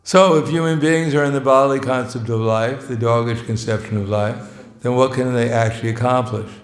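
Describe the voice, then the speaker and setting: The sermon is informal and full of jokes: a man speaking as a visiting monk, self-mocking and plainspoken, chuckling often between phrases. His steady, mid-range voice moves briskly, echoing through a temple hall.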